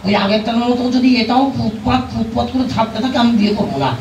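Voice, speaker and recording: A man playing excitable, stubborn village men in a comic puppet show, repetitive and insistent. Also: extremely high pitch, fast, muffled recording, slight background noise, pitched above the performer's own voice. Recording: roomy, distant pickup with music.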